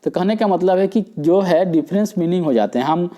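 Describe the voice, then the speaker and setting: A man's voice: high voice, lively intonation, a little fast, dark tone, poor audio. A middle-aged man teaching a recorded lesson on communication skills, explaining points step by step with everyday examples and slipping English terms into his Hindi.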